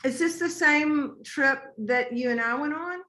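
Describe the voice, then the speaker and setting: Bright, upbeat woman host. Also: high voice, unhurried, roomy sound. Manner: upbeat, playful, short interjections. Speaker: magazine editor, host. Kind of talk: hosted conversation.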